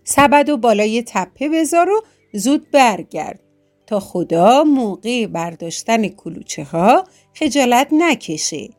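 A woman voicing a greedy, sharp-tongued crow in a children's story, speaking curtly and scolding. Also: fairly high pitch, big pitch swings, faint music behind. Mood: sly. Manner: curt, scolding.

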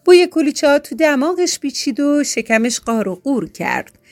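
A woman's voice: high-pitched, sing-song. A woman narrating a children's story, speaking directly to the children listening. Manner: warm, addressing children directly.

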